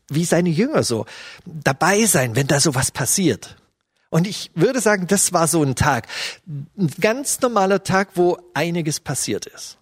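A man's voice: fairly high pitch, breathy edge, dry recording, studio quality. A middle-aged man giving a sermon, retelling a scene in a loose, storytelling way with fillers. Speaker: preacher.

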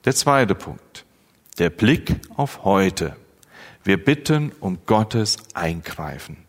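Guy preaching a sermon, slow and earnest, lots of echo from the church hall. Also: deep voice, very animated. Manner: slow, earnest, pastoral address with rising emphasis. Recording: long church reverb.

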